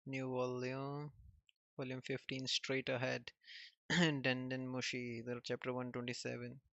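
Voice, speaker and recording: A man's voice: mid-range voice, monotone, measured pace, vocal fry, fairly bright tone, no echo, dull audio. A man casually reading a comic aloud, giving every character the same plain voice and chuckling often between lines. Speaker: manga reader.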